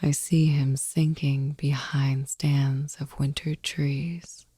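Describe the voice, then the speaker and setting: Close to the microphone, a female sleep ASMR podcaster reads poems in a slow, soothing, breathy whisper. The voice is deep and the tone stays level, with no echo at all.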